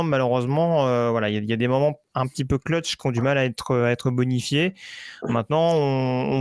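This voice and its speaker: A football analyst with a clean, mid-range voice makes casual predictions on a podcast, hesitating often with lots of fillers and restarts. The recording is studio quality with no echo.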